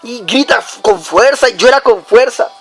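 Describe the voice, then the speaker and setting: A man's voice: extremely high pitch, animated, moderate pace, a bit bright, soft background music. A young adult man preaching a devotional teaching on prayer, addressing the listener directly point by point.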